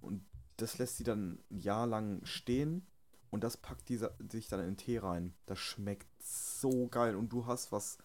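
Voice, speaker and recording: A man's voice: lowish voice, darkish tone. A man, joking around in crude, slangy casual banter as a podcast co-host. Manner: slangy, joking, drawn-out delivery.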